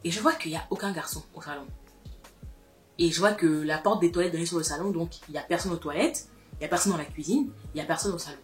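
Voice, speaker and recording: Young woman, storytime vlogger, animated and emphatic, slightly low voice, faint music behind. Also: fast talker. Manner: animated, emphatic, repeats herself. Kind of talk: casual storytelling to camera.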